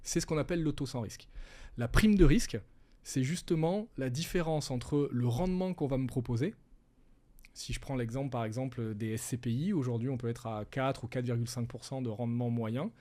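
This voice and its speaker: A man with a mellow, relaxed voice talks through ideas patiently, one step at a time. He is a middle-aged guest advisor in a casual interview, steady and explanatory. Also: mid-range voice, a little fast. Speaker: wealth management advisor, guest.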